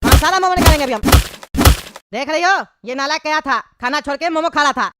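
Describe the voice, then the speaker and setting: A woman as a fed-up, scolding dad, high animated voice, noisy track. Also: fast talker, natural voice. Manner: scolding, exasperated. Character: scolding exasperated father. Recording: loud background noise.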